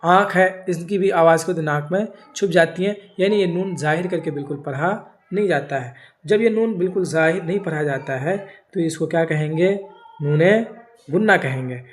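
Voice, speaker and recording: Slow, patient male grammar teacher. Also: fairly high pitch, a little hiss or hum. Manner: slow, repetitive, asks and answers own questions. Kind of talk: grammar lesson.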